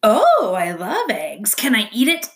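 A woman voicing an eager, hungry male fox who talks in a high, pleading, wheedling way. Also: huge pitch swings, unhurried, a bit bright, heavily acted.

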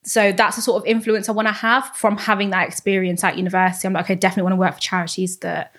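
A British woman in her twenties talks in a casual, chatty interview style. She pronounces v as w and peppers her sentences with "like" and "kind of", at a middling pitch. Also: flat delivery, very fast, fairly bright tone. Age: 20s. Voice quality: speech quirk, says w for v. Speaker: guest.

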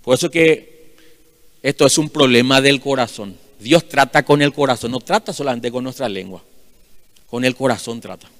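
A male pastor, preaching loudly and emphatically, rising and falling in volume. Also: mid-range voice, normal speed. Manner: loud, emphatic preaching with sudden swells and drops. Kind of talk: sermon. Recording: long hall reverb.

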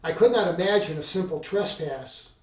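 A middle-aged man recounting a past experience in a halting, conversational way, with many restarts. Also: high-pitched, lively intonation, a little mellow. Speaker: interview guest recounting experience. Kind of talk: conversational storytelling. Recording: roomy, distant from mic.

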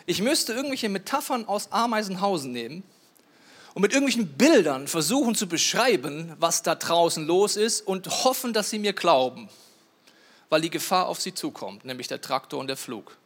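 A man's voice: high voice, moderate pace. A man preaching a sermon, playfully telling stories and speaking directly to his listeners. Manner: playful, animated storytelling that addresses listeners directly.

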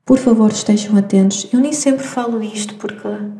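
Soft-spoken European Portuguese woman astrologer. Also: mid-range voice, steady tone, normal speed. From Madeira, Portugal. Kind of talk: spiritual astrology talk. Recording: echoey room.

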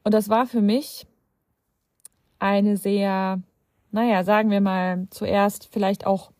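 A woman's voice: mid-range voice, flat delivery, slow pace, a little mellow, dry recording, studio quality. A young adult woman hosting a self-help podcast, talking straight to the listener in a reflective, conversational way with some hesitant restarts. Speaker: podcast host.

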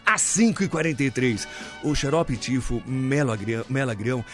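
A man's voice: medium pitch, animated, moderate pace. A Brazilian man hosting a morning radio show, joking around and breaking into sung phrases. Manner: exaggerated, jokey, sings phrases. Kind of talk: playful morning radio banter. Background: music bed.

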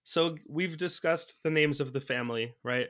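Man, bright forceful voice, casual movie chat, thinks out loud, laughs a lot. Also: a little high, normal speed. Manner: thinks aloud, working through notes; laughs often while talking. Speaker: podcast co-host.

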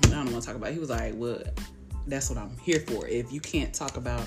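A woman co-hosting a podcast, telling a candid personal story in low-key casual chat. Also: quick pace, loud music behind the voice. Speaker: podcast co-host.

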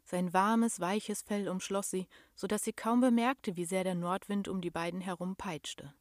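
Slow and expressive, a young adult woman reads from a storybook, lowering her voice to a whisper in the tense parts. Her pitch is medium, and the recording is dry and of studio quality.

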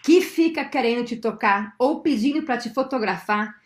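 Lively Brazilian woman reading a children's story. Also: fairly high pitch, normal speed. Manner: animated, speaks directly to children with questions. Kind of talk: reading a children's book aloud with songs. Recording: roomy sound with faint ukulele.

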